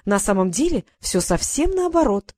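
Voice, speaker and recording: A woman voicing a calm, clever young woman who gives orders in a cool, measured way, in an audiobook reading. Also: medium pitch, no room sound, clean studio sound. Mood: commanding. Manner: cool, measured, quietly commanding.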